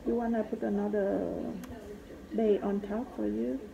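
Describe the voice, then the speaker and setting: Salon owner, woman, slow gravelly clipped English, muffled recording with a crowd of noise around. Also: medium pitch, little pitch movement. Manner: clipped non-native English, slow and brief. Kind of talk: casual conversation with a customer. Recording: muffled audio in a busy room.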